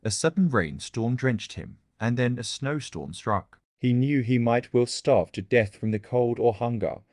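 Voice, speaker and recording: A man reading a classic fairy tale aloud as a storyteller, in a measured, enunciated storybook-opening manner. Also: medium pitch, lively intonation, a little mellow, no echo, studio quality.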